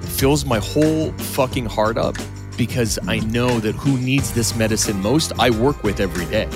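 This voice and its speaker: A man's voice: mid-range voice, moderate pace, over music. A man hosting a podcast who talks with passion and emphasis, swearing freely in a heartfelt interview. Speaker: podcast host.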